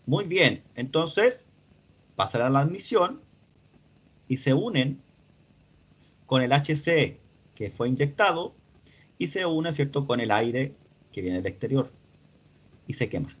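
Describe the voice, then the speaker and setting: In a dull lo-fi recording of an online class, a male instructor explains mechanics step by step while quizzing his students. His mid-range voice is animated but slow, broken by long pauses and tinged with breathiness.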